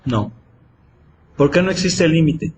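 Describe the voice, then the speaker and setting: A man's voice: a little high, animated, unhurried, darkish tone, slight background noise. A man teaching math in a classroom, quizzing students with repeated questions. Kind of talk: classroom lecture.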